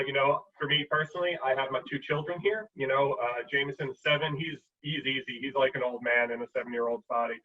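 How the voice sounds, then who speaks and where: A man's voice: mid-range voice, distant mic. A man in his thirties co-hosting an online meeting show, talking casually with lots of "you know" and "like". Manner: conversational, leans on "you know" and "like". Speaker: co-host of a web forum show. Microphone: distant mic on a video call. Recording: tinny, phone-like call audio from off mic.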